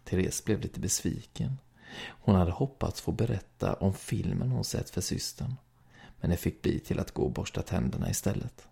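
A man reading ghost stories aloud in a slow, even storytelling voice. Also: low-pitched, gravelly, breathy edge.

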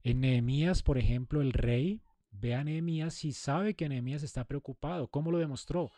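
A man's voice: medium pitch, a little fast, mellow, no room sound. A man giving a conversational sermon, acting out sample replies to a spouse. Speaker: preacher. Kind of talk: sermon on marriage communication.

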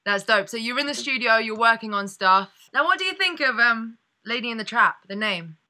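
Woman radio host, bubbly, laughing, bright voice. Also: a little high, lively intonation, brisk. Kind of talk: casual interview.

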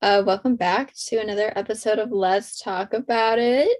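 A woman's voice: mid-range voice, fairly even intonation, normal speed, a little mellow. Young woman co-hosting a casual podcast. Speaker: podcast co-host.

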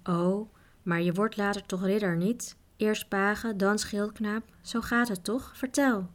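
A woman voicing a curious, eager young mountain boy, at times talking in an excited whisper in a storybook reading. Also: medium pitch, takes it slowly, natural voice.

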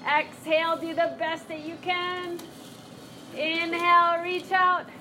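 A woman's voice: extremely high pitch, flat delivery, slow, bright, forceful tone, soft background music. A woman leading a live chair yoga class, cueing breaths and moves in a playful, encouraging way. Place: class room with group.

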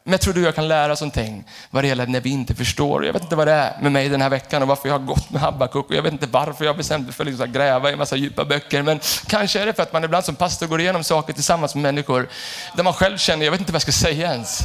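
Lively high-voiced pastor preaching. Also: male voice, few pauses. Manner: animated, shifts between shouting and hushed asides. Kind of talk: energetic sermon.

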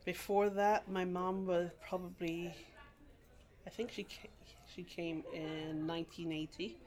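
Woman from England, middle-aged, lowish voice, rambling, restarts, laughs, oral history interview. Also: fairly even intonation, unhurried, a little mellow. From England, grew up partly in Guyana. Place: library.

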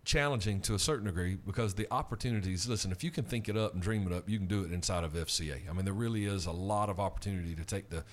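A man hosts a weekly faith radio program, upbeat and conversational. He interviews a guest and makes a ministry appeal, often pausing on fillers and restarting his sentences. His voice sits a little low for a man. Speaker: radio show host.

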